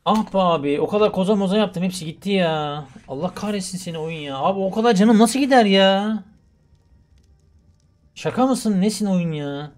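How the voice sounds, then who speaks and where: Frustrated young man yelling at a game. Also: high voice, expressive, normal speed. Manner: exasperated, shouting in frustration, muttering to himself. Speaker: gaming YouTuber. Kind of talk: live gameplay commentary.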